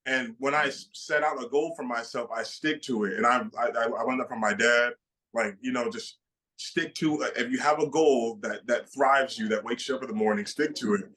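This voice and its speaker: Excited stammering young man. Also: medium pitch, moderate pace, poor audio. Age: 20s. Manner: excited, stammering with many repeated starts. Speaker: guest bodybuilder. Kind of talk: casual interview answers.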